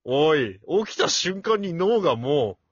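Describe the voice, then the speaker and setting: Man, playful teasing banter, husky voice, dry dull recording. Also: fairly high pitch, very animated, a little slow, no room sound. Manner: playful teasing, bursts of laughter. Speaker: podcast co-host. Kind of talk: casual joking chat.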